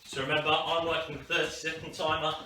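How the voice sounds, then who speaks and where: Speaking fast with a flat delivery and a fairly high-pitched voice, a male fitness instructor leads a workout to camera, encouraging viewers and guiding them through. The mic is distant in a roomy space with faint noise.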